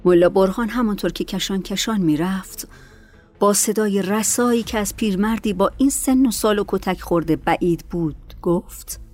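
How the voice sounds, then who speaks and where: A woman narrating a story in a soft, hushed reading voice. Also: medium pitch. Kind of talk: audiobook narration. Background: faint music.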